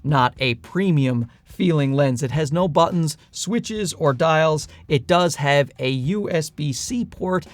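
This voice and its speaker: Man, leprechaun-like lightness, slightly high pitch, enthusiastic casual reviewer, dry asides, very dry sound. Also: slow pace, hardly any pauses, no room sound. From Newfoundland, Canada. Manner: chatty, enthusiastic, with dry self-deprecating asides. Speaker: camera gear reviewer. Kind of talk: casual product review to camera.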